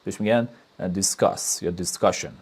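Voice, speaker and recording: A man teaching an English grammar lesson, explaining casually and reading examples slowly and deliberately. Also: deep voice, husky. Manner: lively, switches between casual Persian explanation and slow, deliberate English examples.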